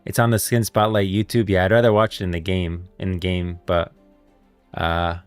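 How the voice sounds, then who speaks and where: A deep, clear, resonant male voice with little pitch movement talks at a normal speed as he hosts a livestream. He thinks aloud in informal slang, calling the audience guys and bros, in a dry recording over soft music.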